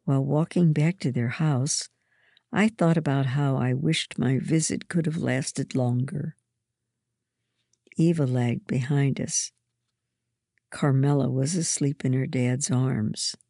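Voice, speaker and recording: A woman reading a first-person story aloud in a gentle, measured way. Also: very deep voice, fairly even intonation, vocal fry, no room sound, studio quality. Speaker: narrator.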